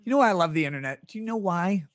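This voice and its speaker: A man with a high, lively voice rambles through a sarcastic comedic rant, jumping in and out of mock voices. He speaks close to a studio mic in a small home room, and the sound is dry and up front. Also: very fast, no room sound. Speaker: streamer host. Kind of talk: comedic live-stream rant. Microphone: close studio mic on stand.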